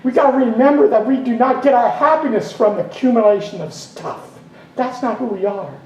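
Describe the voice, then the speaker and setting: A man's voice: extremely high pitch, normal speed, a little mellow, slight background noise. A man giving a sermon as minister, rambling and breaking off with chuckling asides. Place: spiritual center meeting room. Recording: roomy hall from a distance, faint ambience.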